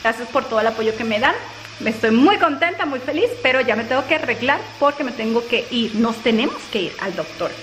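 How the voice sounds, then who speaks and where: A woman's voice: fairly high pitch, lively intonation, brisk, a bit bright. A woman chatting casually in a family vlog, telling stories and laughing often. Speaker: family vlogger. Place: at home, then in a car. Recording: noisy home video recording.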